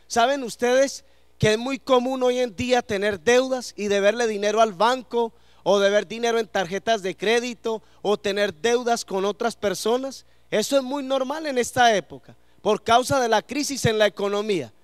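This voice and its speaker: A man's voice: very high voice, moderate pace, smooth, dry recording. A man preaching a sermon to a congregation in church, asking them questions and letting them answer.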